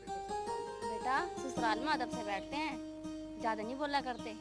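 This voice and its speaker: A woman's voice: on the high side, measured pace, over music, natural voice. A woman playing an older mother-in-law in a comedy film, lecturing and easily shocked.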